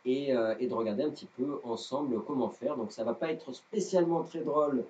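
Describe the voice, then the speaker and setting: In a muffled recording, a man with a mid-range, slightly mellow voice and a non-native French accent speaks a little fast. He's teaching a live-streamed guitar lesson, hesitant and self-deprecating, filling his speech with fillers.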